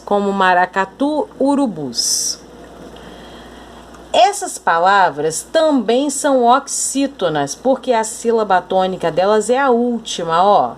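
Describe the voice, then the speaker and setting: Slow, deliberate Brazilian woman teacher. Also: mid-range voice, a little hiss or hum. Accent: Brazilian Portuguese. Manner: slow, deliberate explaining, often pointing things out. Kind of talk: recorded school lesson.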